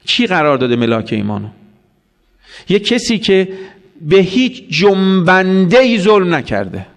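A man's voice: high voice, very animated. A man giving a religious sermon, telling stories and asking the listeners questions. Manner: storytelling with acted quotes and rhetorical questions. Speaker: preacher.

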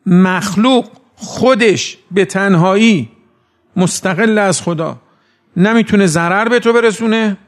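A man giving a conversational sermon who recites Arabic sayings slowly and then explains them in everyday speech. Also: sits high. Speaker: cleric giving a religious talk.

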